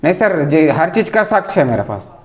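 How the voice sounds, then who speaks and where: A man's voice: a little high, big pitch swings, fairly quick. A man earnestly recounting his complaint to a reporter in a news office, calling him sir and stumbling over his words now and then. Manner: earnest, respectful, addresses interviewer as sir. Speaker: complainant telling his story.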